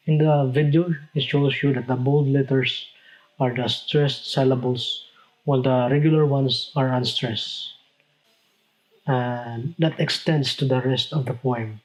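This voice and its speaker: A man's voice: medium pitch, low-quality recording. A man teaching a recorded lesson, explaining step by step and sometimes stopping to correct himself. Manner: explanatory, with self-corrections and restarts. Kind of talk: recorded lecture.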